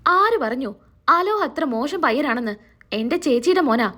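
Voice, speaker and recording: A woman voicing a sharp-tongued young wife who talks in a sarcastic, taunting way. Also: sits high, animated, moderate pace.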